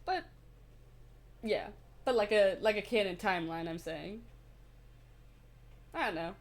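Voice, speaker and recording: Young woman streamer, casual and laughing, with a lively, varied pitch. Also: unhurried. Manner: chatty, laughing, swears casually. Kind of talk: casual game commentary.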